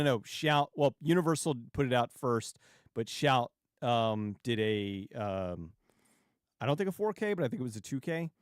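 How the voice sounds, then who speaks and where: A man hosting a livestream and chatting casually with viewers in a rambling, halting way, often restarting sentences and digressing. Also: on the high side, smooth, dry recording, studio quality. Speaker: YouTube livestream host.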